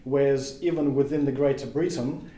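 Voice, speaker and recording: A Russian-accented man, Russian being his first language, speaks thoughtfully as a guest on a casual podcast interview, often restarting as he searches for words. His voice is medium-pitched and mellow, with a steady tone and moderate pace, and the sound is roomy.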